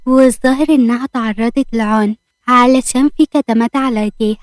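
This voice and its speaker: A woman with an Egyptian accent, voicing a calm, matter-of-fact female doctor in a narrated audio story. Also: on the high side, fast, no echo, natural voice.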